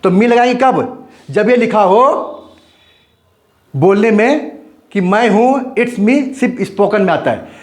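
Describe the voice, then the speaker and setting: A man teaching English grammar in Hindi, explaining step by step with English terms and quick checking questions. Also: high-pitched, lively intonation, a little mellow. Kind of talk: Hindi classroom lesson.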